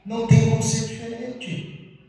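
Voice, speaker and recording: A man's voice: very high-pitched, level tone, measured pace, mellow. Man preaching in an echoey hall, far off. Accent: Brazilian Portuguese. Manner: conversational, asks the audience questions with frequent "né?". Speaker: spiritist speaker. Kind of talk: talk at a spiritist center.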